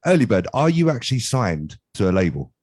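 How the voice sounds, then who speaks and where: Male co-host, low voice, eager hype-man delivery, dry close sound. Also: sing-song, fairly quick, darkish tone, dry recording. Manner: enthusiastic, hypes the guest, swears freely. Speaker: podcast co-host and DJ. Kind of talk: casual chat.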